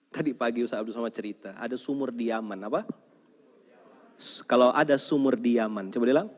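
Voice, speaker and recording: A man's voice: medium pitch, fairly quick. A man preaching a humorous sermon, joking and calling on the audience to respond. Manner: lively, jokes and calls on the audience to respond. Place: large hall with an audience. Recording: long hall reverb.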